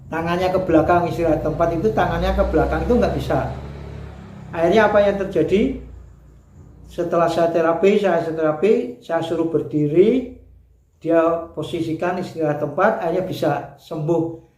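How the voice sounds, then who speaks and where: Man, high voice, earnest and repetitive, telling his testimony in an echoey room. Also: normal speed, darkish tone. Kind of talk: personal testimony. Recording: roomy echo.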